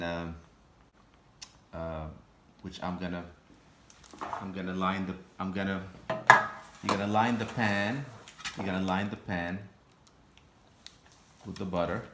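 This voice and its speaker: Low-voiced male home cook, halting and patient, in an echoey kitchen. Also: background noise. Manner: halting, patient step-by-step explaining with frequent restarts. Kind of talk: cooking demonstration.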